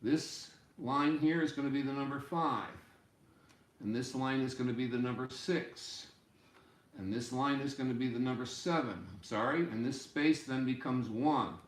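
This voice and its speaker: A medium-pitched man in his sixties gives an informal music lesson at a whiteboard, explaining deliberately and step by step. He's in a small home room, and the recording is roomy and echoey.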